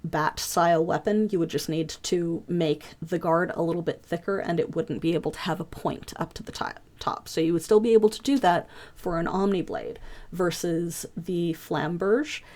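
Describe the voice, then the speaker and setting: Fast-talking woman teaching an online class. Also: lowish voice, darkish tone. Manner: fast-talking with frequent ums and uhs. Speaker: instructor. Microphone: home computer mic on a voice chat.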